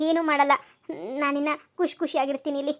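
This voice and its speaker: A woman's voice: high-pitched, level tone, quick pace, lightly acted. A woman voicing a pleading old village mother-in-law. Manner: pleading, self-reproaching. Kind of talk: cartoon voice acting.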